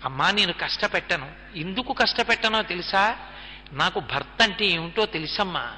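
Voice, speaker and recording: A man's voice: high voice, lively intonation, moderate pace, bright, forceful tone, slight background noise, voice pushed down, exaggerated voice. A man voicing a devoted young princess wife who reasons earnestly with her mother-in-law, with long hall reverb.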